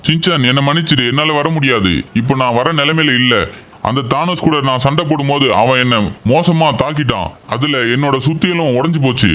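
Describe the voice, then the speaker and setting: A man's voice: medium pitch, a little fast, a bit bright, lightly acted. A man voicing a grieving, powerless thunder god in a game role-play, solemn and despairing.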